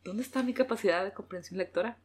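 A woman co-hosting a casual book discussion, animated and self-mocking with quick laughs. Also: mid-range voice, slightly rough. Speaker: book podcast co-host.

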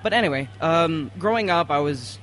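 A man from the Emirates with an untypical Emirati accent, chatting casually as a podcast guest and telling stories in a halting, excitable way with repeated phrases. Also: on the high side, a little hiss or hum. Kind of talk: casual interview storytelling.

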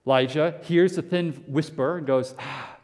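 A man's voice: fairly high pitch, expressive, unhurried, a little mellow, long reverb tail. A male pastor preaching a sermon, asking rhetorical questions and repeating words as he restarts. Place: church sanctuary.

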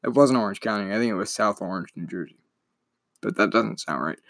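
A young man hosts a casual solo sports podcast, his lowish voice fairly quick and fairly bright. He rambles and chats, often correcting himself. The sound is studio quality with no echo.

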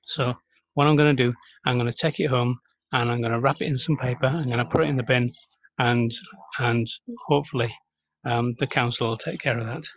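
A man's voice: mid-range voice, steady tone, fairly quick, highs cut off. A man talking casually with chewing gum in his mouth, rambling with many fillers and restarts. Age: adult, 30s or older. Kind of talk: casual monologue.

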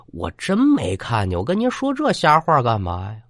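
A man's voice: mid-range voice, huge pitch swings, moderate pace, a bit bright, no room sound, studio quality. A man voicing a timid fifth-grade village boy who stammers nervously.

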